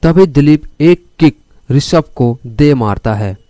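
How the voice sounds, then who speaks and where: A man telling a crime story, speaking straight to his listeners as he moves the plot along. His voice is dark and mellow, and the recording is close and dry. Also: on the high side, lively intonation, slow, no room sound. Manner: addresses listeners directly while telling the story.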